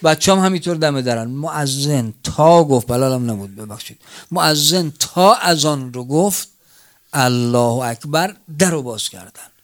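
Preacher, swinging loud to hushed. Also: male voice, on the high side, animated. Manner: swings between loud cries and hushed near-whispers, tearful chant. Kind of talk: mourning sermon.

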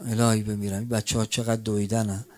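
Preacher, swinging loud to hushed. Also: male voice, fairly low pitch, level tone. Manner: swings between loud cries and hushed near-whispers, tearful chant. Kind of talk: mourning sermon.

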